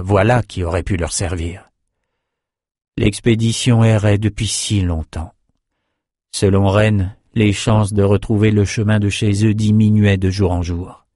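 A man narrating a fantasy novel as an audiobook in a measured, even storytelling manner. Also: deep voice, dry recording, clean studio sound.

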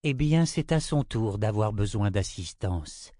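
A soft, coaxing mother calms her frightened little girl, as a man reading a storybook puts her on. Her voice sits a little higher than a man's usual speech and stays calm and unhurried. The recording is close and dry. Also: dry recording. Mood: soothing. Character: gentle, reassuring mother of a young girl. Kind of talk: audiobook character reading.

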